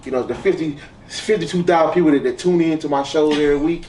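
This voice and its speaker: A man's voice: a little high, fast, a little mellow. A man hosting a casual chat show, joking and laughing often and boasting about himself. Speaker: host. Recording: echoey room, far from mic, faint noise.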